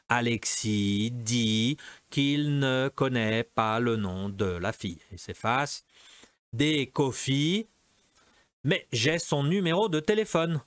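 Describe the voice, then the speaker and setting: A man with a slightly high voice, recorded with no echo, gives a French language lesson. He works through exercises slowly and patiently in a drawn-out manner, explaining in both French and Portuguese.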